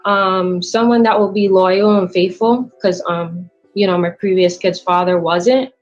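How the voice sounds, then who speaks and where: A woman's voice: medium pitch, measured pace. Hesitant female caller in her late twenties, dull lo-fi line, faint music. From United States. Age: 20s. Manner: hesitant, many ums. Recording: dull lo-fi call audio.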